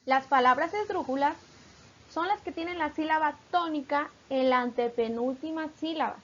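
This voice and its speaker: High-voiced woman teaching a lesson. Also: dull audio. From Mexico. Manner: patient explanatory, reads examples slowly syllable by syllable. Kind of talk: recorded lesson narration.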